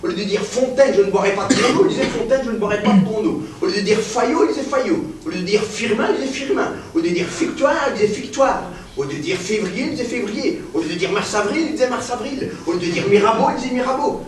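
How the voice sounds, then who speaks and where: A grandiose, pedantic professor, played by a man on stage, declaiming with sweeping swings in his rather high voice. He sounds like he is far from the mic in a very echoey theater. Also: lively intonation, fast, a little hiss or hum. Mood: pompous lecturing. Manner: declamatory, insistently repeats "mademoiselle". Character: pedantic male professor, grandiose, increasingly frenzied. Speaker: stage actor. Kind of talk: stage play performance.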